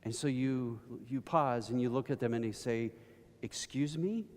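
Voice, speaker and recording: A man preaching a sermon, telling everyday stories at an unhurried pace and building to emphatic bursts. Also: medium pitch, flat delivery, a little mellow. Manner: slow, storytelling delivery with rising emphatic bursts. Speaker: pastor. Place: church sanctuary. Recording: long reverb of a church hall.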